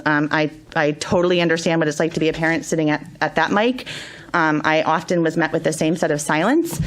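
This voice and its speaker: A woman school board member giving a firm, deliberate prepared statement at a public board meeting, speaking into a table microphone. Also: lowish voice.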